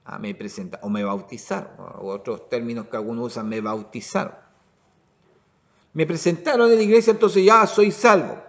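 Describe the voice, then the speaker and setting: A man teaching a Bible lesson as pastor, often pausing to check the congregation understands. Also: medium pitch. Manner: restarts and asks "¿ya?" to check understanding. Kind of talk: Bible study sermon.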